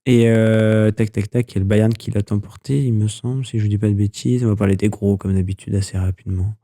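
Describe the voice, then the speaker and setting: A man with a mellow, warm voice hosts a casual sports news roundup. He chats loosely, full of fillers, hesitations and quick self-corrections. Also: on the low side, fairly even intonation. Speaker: sports news podcast host.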